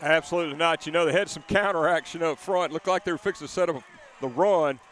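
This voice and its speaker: A man with a slightly raised voice breaks down each play in a relaxed, conversational way. He often stumbles and repeats words before settling into his point. He is outdoors at a football game. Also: fairly high pitch, quick pace. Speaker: color commentator. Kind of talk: live football color commentary. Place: outdoors at a high school football stadium.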